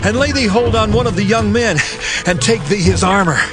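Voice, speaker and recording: A man performs an urgent captain of an ancient army, his voice pitched high. He declaims in solemn archaic phrases, pleading with his foes in a scripture audio drama, with music clearly playing behind him. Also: brisk, close to an everyday voice. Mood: urgent warning.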